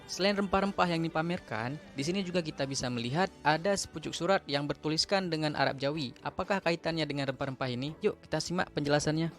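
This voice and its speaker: Quick, upbeat male voice-over narrator. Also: a little high, a bit bright, faint music behind.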